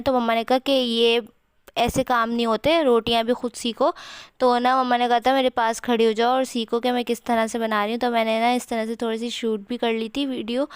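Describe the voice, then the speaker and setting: A woman's voice: a little high, clear, resonant tone, no room sound. A young woman with a sore throat, chatting through a home cooking vlog voice-over in a rambling way with many fillers, recorded close to the mic. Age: young adult. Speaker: vlogger.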